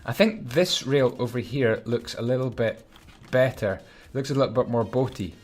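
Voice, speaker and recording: A man's voice: medium pitch, normal speed, breathy edge, faint music behind. A Scottish man chatting casually while building a game level, humming and muttering to himself as he concentrates. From Scotland. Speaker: Minecraft YouTuber.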